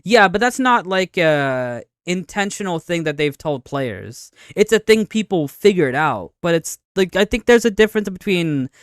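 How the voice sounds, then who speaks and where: A man streaming casual live commentary, arguing his points in an insistent, halting way with frequent repetition. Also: high-pitched, very animated, smooth, no room sound, studio quality. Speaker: streamer reacting to a video and answering chat. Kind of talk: casual live commentary, debating game updates.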